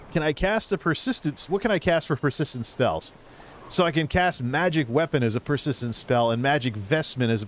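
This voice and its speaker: A man giving casual gameplay commentary, rambling and thinking aloud as a video creator. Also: on the high side.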